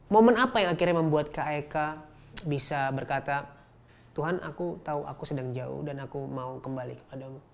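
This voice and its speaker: A woman host asks questions and affirms her guest's answers with short responses. Her voice is notably low for a woman, and she mixes English phrases into her speech. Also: brisk, gravelly, a little mellow, a little hiss or hum. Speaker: talk show host. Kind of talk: interview hosting.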